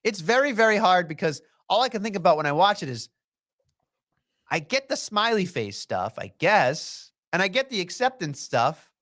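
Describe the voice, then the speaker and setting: A man co-hosting a podcast with joking, profane chatter. His voice is high and swings widely in pitch as he talks. It is a loose, casual conversation. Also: sing-song, moderate pace, a bit bright. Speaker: podcast co-host. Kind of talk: casual wrestling chat.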